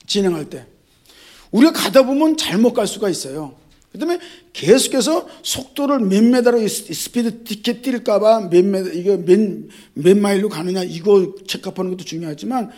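A male pastor giving an animated sermon, addressing the congregation directly, repeating key words and mixing in jokes. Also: sits high.

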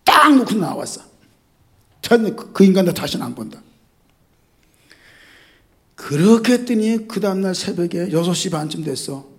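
High-voiced lively Korean preacher man. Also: normal speed, creaky, pauses often. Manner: lively, acts out shouted quotes, switches to hushed asides. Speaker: pastor. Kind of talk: sermon with storytelling.

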